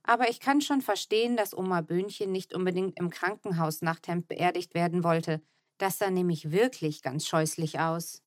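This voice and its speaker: Reading at a moderate pace, this audiobook narrator has a lowish voice and delivers a first-person children's story with tenderness and an even tone. There's no room sound, and the recording is studio quality.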